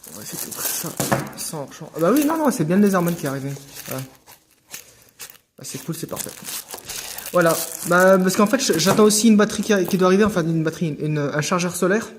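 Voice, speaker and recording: A man's voice: sits high, lively intonation, quick pace, background noise. A man casually hosting an unboxing video, hesitant with many fillers and restarts, joking asides to viewers.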